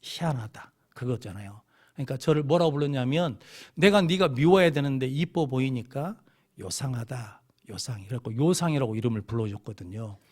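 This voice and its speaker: A man's voice: mid-range voice, a little mellow. A middle-aged man with a Jeolla accent, a pastor telling stories in a sermon and putting questions to his congregation. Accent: Jeolla Korean. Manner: storytelling preacher who keeps asking the congregation questions. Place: church sanctuary.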